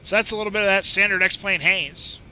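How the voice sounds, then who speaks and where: Man, high voice, sharp bright tone, casual flight sim commentary, chatty, pilot radio readbacks. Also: a little fast, poor audio. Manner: chatty, laughs easily, reads back clearances.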